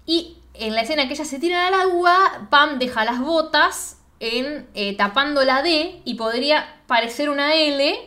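A young woman with an Argentine accent, co-hosting a casual chat and acting out characters' lines in a slangy, animated way. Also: high-pitched, moderate pace, few pauses. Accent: Argentine Spanish. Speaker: podcast co-host. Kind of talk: casual chat recapping a TV series.

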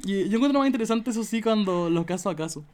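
A woman's voice: mid-range voice, lively intonation, quick pace, a little mellow, slight background noise. A woman with a Chilean accent co-hosting a casual podcast chat, chatty and laughing often. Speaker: podcast co-host.

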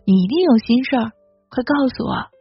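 A woman's voice: fairly high pitch, animated, brisk, breathy edge, no echo, lo-fi sound, faint music behind, full character voice. Woman doing a playful, coaxing fox. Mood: earnest. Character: sly but devoted young male fox. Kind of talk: storybook reading.

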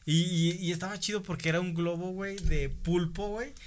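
A man's voice: high-pitched, fairly even intonation, a little fast. A man with a Mexican accent chatting casually and telling anecdotes among friends, with plenty of slang and swearing. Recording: clear background noise, clicks.

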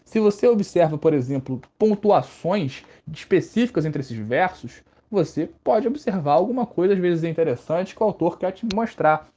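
A man's voice: fairly high pitch, mellow, dull audio. A man with a Brazilian accent, teaching a podcast lesson in a casual, conversational way and answering his own questions. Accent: Brazilian Portuguese.

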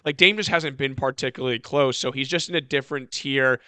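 Podcast co-host, male, bright crisp voice, loose rambling sports chat. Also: medium pitch, a little fast, dry recording. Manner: rambling, self-correcting, many "like" fillers.

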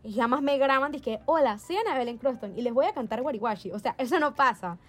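A young woman from Panama telling stories in a casual chat, animated and laughing, acting out what others said. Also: high voice, a little fast. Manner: animated storyteller, acts out quoted voices, laughs often.

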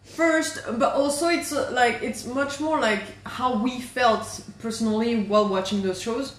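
A woman co-hosting a casual podcast chat from her kitchen, talking in quick restarts and laughing as she goes. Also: on the high side. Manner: chatty, restarts often, laughs while talking. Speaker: podcast co-host. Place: home kitchen. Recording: echoey kitchen.

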